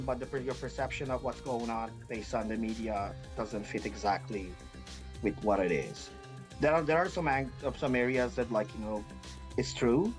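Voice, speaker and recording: Earnest man. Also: mid-range voice. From Iran. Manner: earnest, hesitant, many fillers and restarts. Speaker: guest. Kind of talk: interview conversation.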